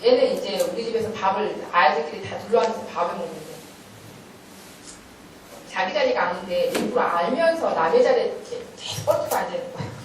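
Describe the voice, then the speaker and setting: Woman, middle-aged, church parenting talk, animated storytelling, stern acted scolding, distant mic, echoey hall. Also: medium pitch, a little fast, a little hiss or hum. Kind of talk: lecture-style talk with acted quotes.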